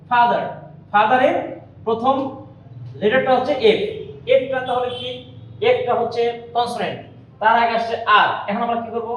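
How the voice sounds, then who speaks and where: A man teaching English pronunciation in a lesson, repeating each example word slowly and deliberately. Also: extremely high pitch, fairly bright tone. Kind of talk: classroom-style lesson. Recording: very echoey room, mic at a distance.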